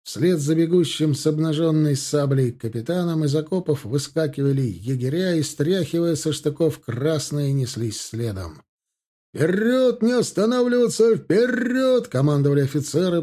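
A man's voice: a little high, normal speed, few pauses, mellow. A man narrating a military adventure story as an audiobook in a dramatic storytelling manner. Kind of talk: scripted narration.

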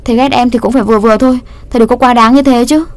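A feisty teenage schoolgirl from a storybook, quick to flare up and talk back, played by a woman reading aloud. Her voice sits higher and sharper than the narration around it. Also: no echo, natural voice. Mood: indignant. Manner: indignant and sharp-tongued.

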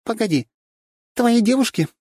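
Man putting on a high sly vixen girl. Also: fast, a little mellow, no echo, studio quality, natural voice. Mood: coy.

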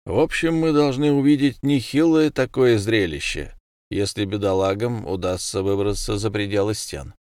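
A man's voice: lowish voice, normal speed, a little mellow, smooth, no room sound, clean studio sound, lightly acted. A man voicing a cold, calculating prison gang boss who speaks in terse commands. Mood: commanding.

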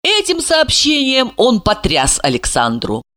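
A woman reading audiobook narration in a theatrical, expressive way. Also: fairly high pitch, unhurried, no room sound, studio quality.

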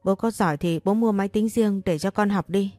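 A woman's voice: mid-range voice, brisk, warm tone, no echo, soft background music, lightly acted. Woman reading as a tearful young schoolgirl. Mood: defiant. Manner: plaintive, defiant. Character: tearful, stubborn schoolgirl of ten to twelve.

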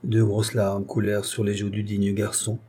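A man reading a classic novel aloud as an audiobook narrator, in a steady, measured literary delivery. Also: fairly low pitch. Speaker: audiobook reader. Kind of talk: scripted narration.

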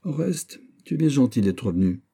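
A male reader voicing a vain, excitable young prince in an audiobook. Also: mid-range voice, moderate pace, creaky, breathy edge, voice pushed up, exaggerated voice. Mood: petulant. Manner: fussy, excitable, self-admiring. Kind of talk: audiobook character reading.

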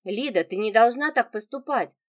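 A woman's voice: on the high side, lively intonation, normal speed, close to an everyday voice. Flustered brother-in-law in an audiobook, agitated and exclaiming; the woman narrator plays him.

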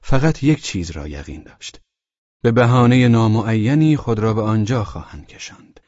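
A man with a husky voice reading a novel aloud in a measured, dramatic way. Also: on the low side, lively intonation, a little mellow, no echo. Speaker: audiobook narrator. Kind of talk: scripted audiobook narration. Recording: dull dry lo-fi recording.

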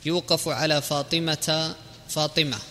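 A man, a student, reciting a grammar text aloud in a slow, measured way, heard from far off. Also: a little high, fairly even intonation, bright, forceful tone, a little hiss or hum. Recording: far from the mic in a reverberant hall.

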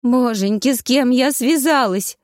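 A woman voicing a lively, playful young heroine who complains and exclaims in an audiobook. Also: on the low side, moderate pace, no room sound, clean studio sound, lightly acted.

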